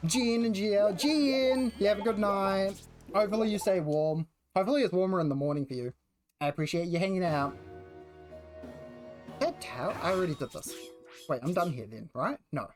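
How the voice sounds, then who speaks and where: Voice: mid-range voice, fairly quick, darkish tone. Livestreamer with a broad Kiwi accent, androgynous mid-range voice, slangy rambling chat over music. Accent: New Zealand. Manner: slangy, rambling, self-interrupting. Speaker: game livestreamer. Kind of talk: casual chat while gaming. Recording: music behind the voice.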